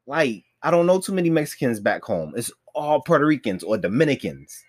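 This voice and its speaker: Slangy animated male podcast co-host. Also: mid-range voice, a little fast, no room sound, studio quality. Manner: slangy, animated, repeats words. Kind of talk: casual chat.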